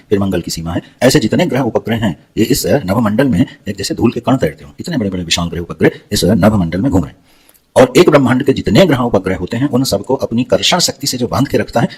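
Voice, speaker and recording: A man giving a devotional sermon. He tells scripture stories in a fast, animated way and chants Sanskrit verses. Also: lowish voice, husky. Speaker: preacher telling scripture stories.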